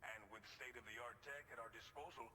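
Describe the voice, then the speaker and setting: A man's voice: medium pitch, fairly even intonation, fairly quick, bright, forceful tone. An actor playing a courteous male town official in a video game, speaking in a formal, grateful way. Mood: polite. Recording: game audio with long reverb and noise.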